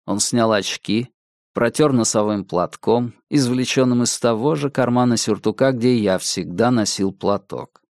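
A man reads a dark story aloud in a measured, somber and dramatic way. His voice sits at an ordinary middle pitch for a man. The recording is dry, with no room sound around him. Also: no room sound. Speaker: audiobook narrator. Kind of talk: scripted narration.

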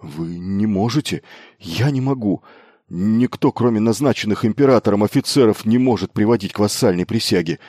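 A man voicing a frightened male ship engineer who talks in a halting, strained, despairing way. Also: fairly low pitch, darkish tone, dry recording, clean studio sound, lightly acted. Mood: flustered protest.

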